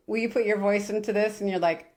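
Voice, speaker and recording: A woman coaching host on a podcast, talking with bright enthusiasm and giggling. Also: mid-range voice, fairly even intonation, fast. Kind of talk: casual podcast chat.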